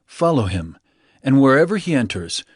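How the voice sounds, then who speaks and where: An actor playing Jesus as a calm, authoritative male teacher, speaking in an earnest, measured way. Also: mid-range voice, breathy edge, no room sound, clean studio sound. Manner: earnest, measured scripture delivery. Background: music score.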